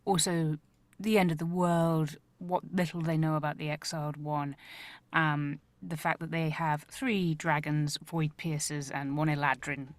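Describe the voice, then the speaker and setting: Lady player in a tabletop game, low voice, casual, dry close sound. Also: level tone, a little slow, no echo.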